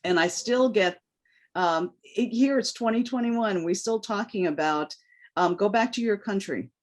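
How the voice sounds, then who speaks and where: A woman from New York, United States, whose first language is Cantonese, gives a candid, impassioned interview answer as a guest. Her medium-pitched voice moves at a measured pace, and she comes across as earnest.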